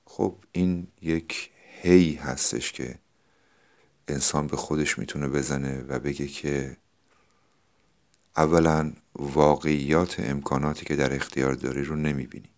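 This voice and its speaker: Hosting a podcast on classical poetry, a man with an extremely deep voice alternates between recitation and casual explanation, keeping his tone steady throughout.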